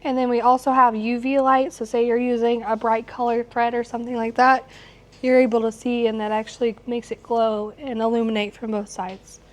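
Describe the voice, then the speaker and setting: A middle-aged woman with a slightly hoarse voice, teaching an informal hands-on quilting class. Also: fairly high pitch, flat delivery, a little fast. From United States, located in Missouri. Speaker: quilting instructor. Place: shop workroom with warehouse shelving, small seated class. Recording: clear background noise in shop room.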